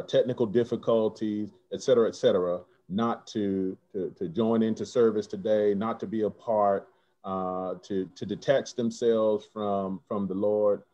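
A man giving earnest, halting remarks to his church over a video call from home. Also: on the low side, dark tone. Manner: earnest, halting with many restarts. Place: home, indoors. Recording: dull lo-fi video call audio.

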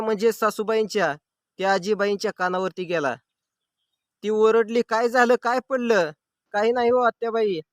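A man with a notably high voice tells a devotional story in an earnest, preaching manner. He speaks outdoors in the sun. The sound is dry and close, with no room echo. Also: a bit bright.

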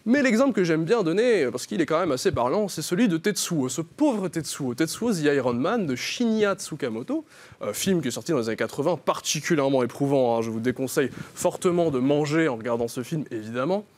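A young man, a columnist on a web talk show, giving a playful mock sales pitch with many fillers. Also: animated, brisk, a little mellow.

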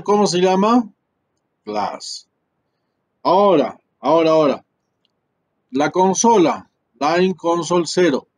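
A man teaching a class through a screen-share tutorial, talking in a chatty way with many fillers and tag questions. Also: fairly high pitch.

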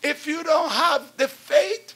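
An older man preaching at a church pulpit, chanting and shouting in a sing-song call-and-response style. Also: extremely high pitch, animated, takes it slowly. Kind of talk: chanted Pentecostal sermon. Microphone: pulpit stand mic.

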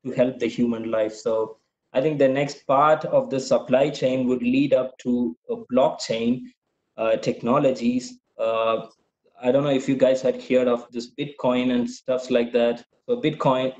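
A man's voice: medium pitch, fairly even intonation, unhurried, a little mellow, a little hiss or hum. South Indian man, roomy dull call audio. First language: Tamil. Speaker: guest speaker. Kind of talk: webinar presentation and Q&A. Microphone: online call microphone.

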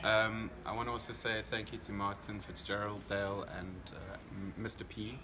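A man's voice: lowish voice, flat delivery, normal speed. A young man with a South African accent giving a casual interview as a competitor just after performing. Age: young adult. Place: indoor convention venue. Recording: clear background noise, busy event venue.

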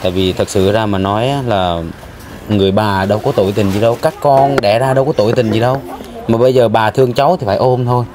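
A man's voice: on the low side, quick pace, background noise. A man interviewing a villager for a charity vlog, polite and probing, sometimes stumbling over his words.

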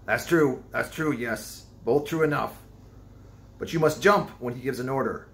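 A man's voice: mid-range voice, moderate pace, creaky, pitched above the performer's own voice, lightly acted. A man playing a ragged, ominous old sailor. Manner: cryptic, insistent, old seafaring dialect.

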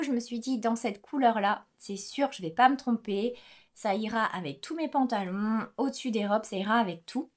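A young woman talks through her week of knitting in an easygoing, chatty vlog style. Her voice sits a little high, and she often stops for fillers and corrects herself mid-sentence. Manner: chatty, many fillers and self-corrections, laughs easily. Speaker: knitting podcaster. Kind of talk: casual knitting vlog chat.

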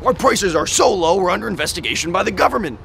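Brash, high-pitched young car dealer played by a man. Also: expressive, fast, vocal fry, exaggerated voice. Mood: brash, excited. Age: young adult. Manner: loud, hammy sales patter. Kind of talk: parody local car commercial pitch. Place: outdoor car park. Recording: outdoor camera audio with background noise.

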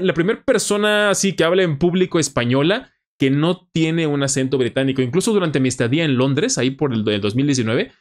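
A man with a Mexican Spanish accent giving casual, animated reaction commentary on someone's English. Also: a little high. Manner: animated, enthusiastic, frequent fillers. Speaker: YouTuber analyzing English.

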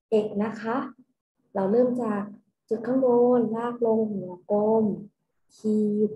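A woman teaching a recorded kindergarten homework lesson, slowly and patiently repeating each step for small children to follow. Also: mid-range voice, dark tone, reverberant, muffled recording.

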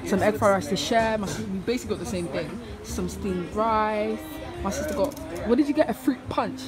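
A woman's voice: medium pitch, fairly quick, music in the background. Chatty teenage girl vlogging. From United Kingdom. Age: teens. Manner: chatty, excitable, giggly. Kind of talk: casual travel vlog chat. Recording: loud background noise.

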